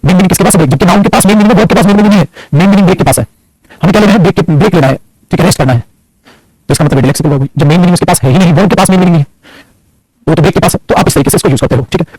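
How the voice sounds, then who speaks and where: Fast, husky male grammar teacher. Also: sits high, darkish tone, dry recording, soft background music, low-quality recording. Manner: addresses students as beta and putra ji, asks and answers his own questions; mixes Hindi explanation with English example sentences. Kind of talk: online grammar lesson.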